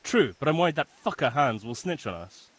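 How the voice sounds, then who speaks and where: A scruffy young lad, a loyal troublemaker in a video game. His husky voice sits fairly high and is bright and forceful, with a coarse, chummy manner. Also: very animated, a little fast, full character voice. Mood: chummy, uneasy.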